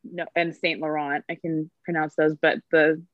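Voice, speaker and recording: A woman's voice: sits low, flat delivery, moderate pace, dry recording, lo-fi sound. A woman sommelier chatting casually on a podcast, full of fillers and easy laughs. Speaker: sommelier guest.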